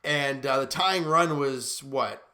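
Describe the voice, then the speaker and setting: A man hosting a sports podcast, recapping a baseball game in a casual, excitable and rambling way, often stopping to correct himself. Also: medium pitch, slow pace.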